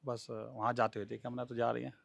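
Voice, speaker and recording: A man's voice: mid-range voice, flat delivery, fast, creaky, fairly bright tone. A man, giving plain, blunt answers to a reporter. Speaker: interviewee, son. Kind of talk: field interview answers.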